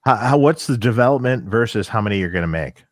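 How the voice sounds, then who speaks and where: A man's voice: lowish voice, animated, fast, dry recording, clean studio sound. A man co-hosting a casual podcast, thinking aloud about gear and products with many fillers. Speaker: co-host and gear maker.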